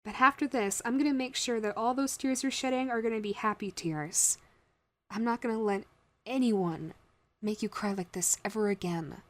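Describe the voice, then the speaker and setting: A woman voice actor plays a caring young friend consoling the listener in an audio role-play, sounding soothing, protective and gently teasing. Her voice is on the high side, at a normal speed, and lightly acted.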